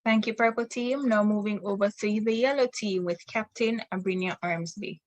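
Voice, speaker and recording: A young woman hosts a student quiz show, reading each question aloud in a formal, scripted way. Her voice sits in a middle pitch. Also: fairly even intonation, normal speed, low-quality recording. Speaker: quiz host.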